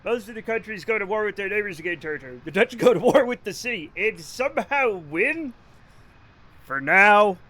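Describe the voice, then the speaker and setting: A man's voice: high voice, lively intonation, normal speed, bright, forceful tone. A man from Rhode Island chatting casually on a live game stream, rambling, joking, cursing freely and laughing often. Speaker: livestreamer. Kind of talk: casual live-stream chat while gaming.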